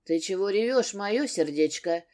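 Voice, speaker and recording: A woman narrator voicing a gruff but tender husband who mutters in a low voice. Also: expressive, moderate pace, a little mellow, close to an everyday voice.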